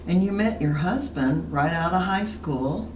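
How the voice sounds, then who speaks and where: An older woman with a lowish, animated voice speaks at an unhurried pace while interviewing a neighbor at her retirement community for an oral history. As a fellow resident, she asks friendly, prompting questions. The recording sounds roomy, captured on a distant mic with background noise.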